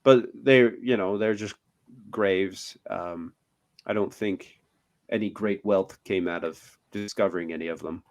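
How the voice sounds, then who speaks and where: A man's voice: low-pitched, a little slow. A man co-hosting a podcast in casual chat, hesitant, with many ums and uhs. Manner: hesitant, lots of fillers. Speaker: podcast co-host.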